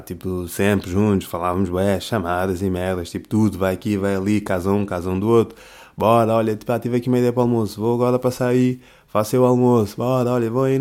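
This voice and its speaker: Mellow-voiced rambling man. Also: on the low side. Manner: rambling, slangy, self-correcting. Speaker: podcast host. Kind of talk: casual monologue.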